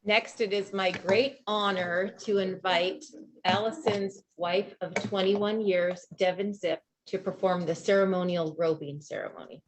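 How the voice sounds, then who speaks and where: A woman's voice: medium pitch, fairly even intonation, unhurried, rough recording. A woman presiding over a ceremony, making formal announcements and invitations. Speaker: presiding judge leading a ceremony. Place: courtroom. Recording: faint background noise.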